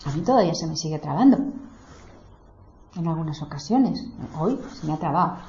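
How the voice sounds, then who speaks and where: A woman, a meditation teacher calmly explaining to a small group seated in a circle. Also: sits low, a little hiss or hum. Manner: calm, explanatory, unhurried. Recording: roomy, dull lo-fi room recording.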